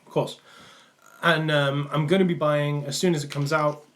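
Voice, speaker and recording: A young livestream host from the Manchester area of England chats loosely with his viewers from a small indoor room, with lots of ums and restarts. His voice sits a little high and a bit bright, level in tone, at a moderate pace, and his Mancunian accent is partly worn off, coming and going.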